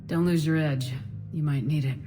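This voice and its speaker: A resolute military commander from a video game, acted by a man. He is measured and terse, with a mid-range voice. Long reverb surrounds him and music plays clearly behind. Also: a little high, fairly even intonation, natural voice. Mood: dry. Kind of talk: dramatic video game dialogue.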